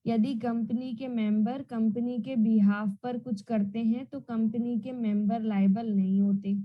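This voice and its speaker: Loud, high-voiced woman teacher drilling students. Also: steady tone, a little slow, phone-quality sound. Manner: repetitive question-and-answer drilling; loud and emphatic. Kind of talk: online class lecture.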